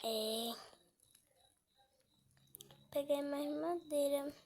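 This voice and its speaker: Speaking very slowly, a woman with a cold gives relaxed commentary on her game for her channel. Her voice is high with a darkish tone, and a faint hiss or hum runs underneath. She's talkative, startles easily and frequently drops to a whisper.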